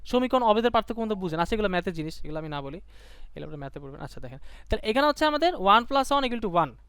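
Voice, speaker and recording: Young male tutor, brisk and chatty, questions students, smooth clear voice. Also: sits high, very animated, fairly bright tone, no room sound, clean studio sound. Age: young adult. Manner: quick, colloquial, asks students questions. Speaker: online tutor. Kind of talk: live online class lecture.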